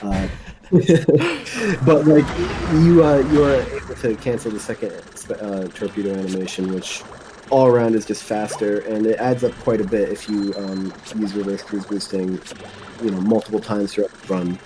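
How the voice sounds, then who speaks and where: A man's voice: lowish voice, moderate pace, background noise. A man commentating on a live speedrun, explaining a trick in a hesitant way with many fillers and restarts.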